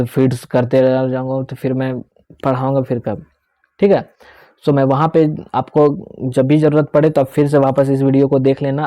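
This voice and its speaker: This male English vocabulary teacher has a dry, mellow voice of medium pitch, recorded with no room sound. His Hindi-English lesson explains pronunciation step by step, with key words repeated and frequent "theek hai" check-ins.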